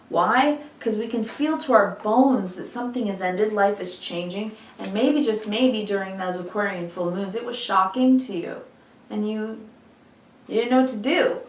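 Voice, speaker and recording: A woman giving an unscripted mystical horoscope tarot reading, earnest and reassuring, speaking directly to the listener, with a slightly froggy throat. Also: medium pitch. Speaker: tarot reader. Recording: roomy echo, distant microphone.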